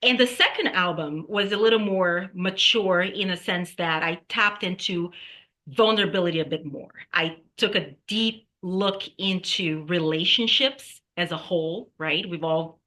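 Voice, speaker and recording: A woman from Brazil, a singer-songwriter guest, talking casually and reflectively, pausing on fillers and often adding "right?". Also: fairly low pitch, bright, forceful tone. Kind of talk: casual interview talk.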